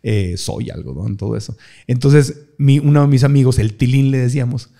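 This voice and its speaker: A middle-aged man with a Mexican accent talks easily in a relaxed interview. He tells his stories with energy and slips into impressions of the people in them. His voice sits at an average pitch. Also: normal speed, gravelly. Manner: animated storyteller who mimics people. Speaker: guest, speaker. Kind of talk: casual interview storytelling.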